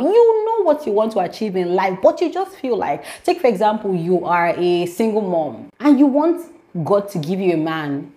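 A woman's voice: on the low side, dark tone. Earnest woman teaching the Bible. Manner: earnest, preachy, reads scripture aloud and explains it. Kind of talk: devotional teaching to camera. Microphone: camera mic, speaking to camera.

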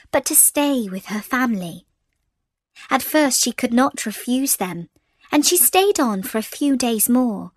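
Woman storyteller, fairly high voice, slow gentle children's story reading. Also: no echo. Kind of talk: scripted storybook narration.

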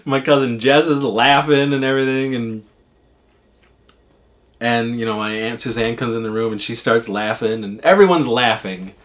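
A man's voice: mid-range voice, moderate pace, fairly bright tone. A man in casual podcast chat, telling a rambling, enthusiastic story and swearing freely. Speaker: podcast regular.

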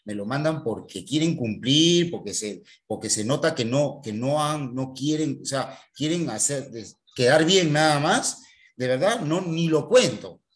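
A man teaching a computer class in an online recording. He talks straight to his students and keeps checking with a quick "¿ya?". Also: a little high, lively intonation.

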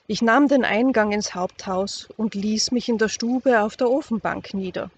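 A reader telling a first-person youth novel in a calm, measured way, dropping softer in the tense passages. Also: mid-range voice. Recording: slightly dull recording with faint background noise.

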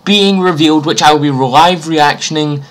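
A man hosting his channel, giving a live reaction commentary and gushing with excited exclamations. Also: on the high side, moderate pace. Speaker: YouTube host reacting to a game trailer. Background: trailer music playing loudly.

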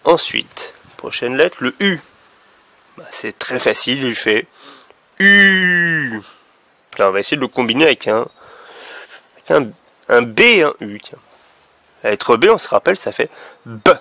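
A man's voice: medium pitch, lively intonation, moderate pace, creaky, pauses often, fairly bright tone, no echo. A man teaching young children letter sounds, patiently drawing out each sound. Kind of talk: phonics lesson for young children.

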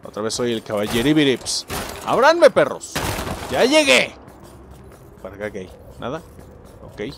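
A man's voice: medium pitch, a little slow, pauses often, slight background noise. A young man with a Mexican accent giving let's play commentary, yelping and swearing at every scare. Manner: excitable, yelps and swears at scares. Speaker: gameplay streamer.

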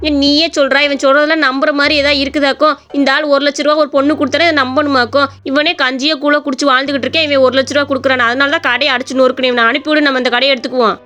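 A woman voicing a suspicious, scolding mother who talks in a sharp, scornful, rapid-fire way. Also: high voice, little pitch movement. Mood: scornful, angry.

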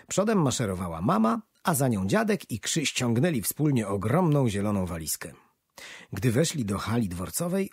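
A man narrating a children's audiobook in an expressive storytelling manner. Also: medium pitch, slightly rough, dry recording. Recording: dry studio audiobook.

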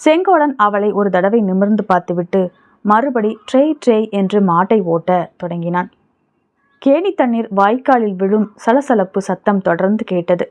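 A woman narrating a novel as an audiobook reader, in steady storytelling. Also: medium pitch, normal speed. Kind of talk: scripted narration. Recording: tinny phone-like audio.

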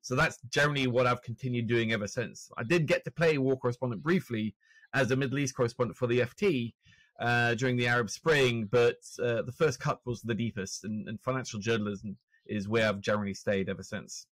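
Speaking a little fast in a mid-range, slightly bright voice, a Norwegian man in his forties with a British accent chats as a guest on a video-call podcast. The author and finance journalist is self-deprecating and keeps restarting his sentences. He sits indoors in a shelved home room, on a podcast microphone on a stand, with no room sound.

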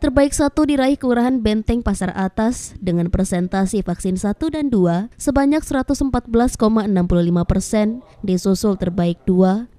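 Very dark-toned female news narrator. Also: fairly high pitch. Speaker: news presenter and reporter narrator.

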